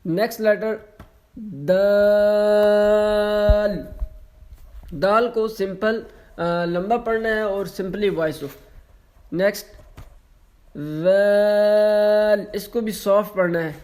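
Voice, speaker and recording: A man teaching Quran letter pronunciation online, stretching each letter sound slowly and explaining quickly in between, with some English mixed in. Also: high-pitched. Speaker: Quran reading tutor.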